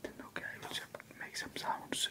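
A man in his twenties doing a whispered role-play as an ASMR examiner, in a breathy, hurried whisper with short phrases. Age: 20s. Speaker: ASMR creator playing an examiner. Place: small indoor room.

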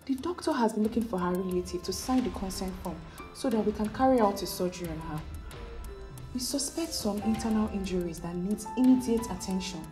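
An actress playing a polite, businesslike young Nigerian hospital nurse in a naturalistic film style. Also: female voice, mid-range voice, brisk, close to an everyday voice. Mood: formal. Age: young adult. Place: indoor clinic reception. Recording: music behind dialogue.

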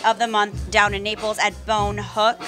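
A woman's voice: mid-range voice, level tone, normal speed, pushed and bright. A woman in her early thirties chatting casually as an interview guest at an event. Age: early 30s. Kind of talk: casual chat. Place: indoor event room with wooden floor. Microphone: handheld microphone. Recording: music clearly heard behind.

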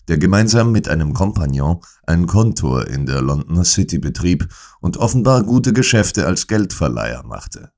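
A male narrator reads a detective audiobook in the first person, his voice extremely low. He tells the story measured and dry, recorded close on a studio microphone. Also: darkish tone.

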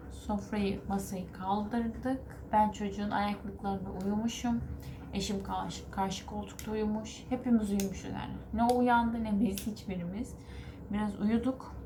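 A woman's voice: mid-range voice, noisy background. A woman vlogger and mother talking to the camera, telling a story in a rambling, earnest way and correcting herself as she goes. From Turkey. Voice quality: rambling, self-correcting recounting.

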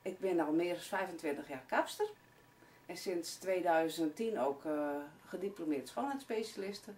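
A woman's voice: on the low side, moderate pace, a little mellow, faint music behind. A woman in her forties who owns a hair and beauty salon, speaking hesitantly with many fillers as she presents her business to camera. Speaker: salon owner. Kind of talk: promotional talk to camera. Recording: distant camera mic with faint room noise.

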